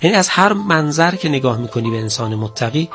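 A man, a researcher of Quranic sciences, giving a measured religious talk and quoting hadith and poetry with reverent emphasis. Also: a little high, lively intonation, music in the background. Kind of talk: short religious lecture.

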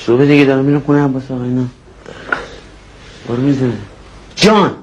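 An easygoing young man chats casually and quickly in a TV drama scene, played by an actor. His mid-range voice sounds slightly distant, with faint noise behind it. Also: mid-range voice, steady tone, natural voice. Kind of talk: TV drama dialogue.

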